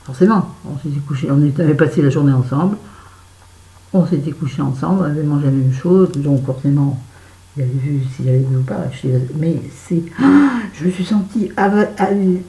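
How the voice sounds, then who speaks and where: A woman's voice: low voice, normal speed, pauses often, mellow, echoey room, poor audio. A woman telling a story to her viewers in a casual vlog while doing her make-up, chatty and swearing freely. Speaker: vlogger. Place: bedroom at home.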